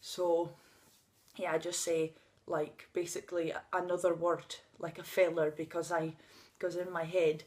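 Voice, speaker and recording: A fairly low, darkish female voice with a flat delivery and measured pace comes from a woman in her thirties vlogging outdoors in the sun. She stutters, blocking on first sounds, and speaks unscripted and emotionally, with occasional laughter.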